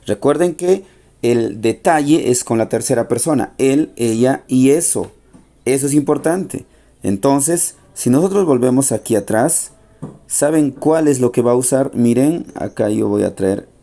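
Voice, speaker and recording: A man teaches an online grammar lesson with a patient, repetitive manner, slowing down to spell out each English example. His voice is dark and mellow, at an ordinary middle pitch for a man. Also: expressive. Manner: patient, repeats key points, slows down for English examples.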